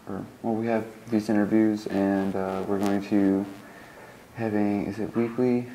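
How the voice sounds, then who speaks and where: A young man, a student, talks informally in an interview. His voice is fairly low and slightly soft-edged, and he hesitates often as he searches for words. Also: flat delivery, measured pace, slight background noise, poor audio. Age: young adult. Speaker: computer science student. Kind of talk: informal interview about a project.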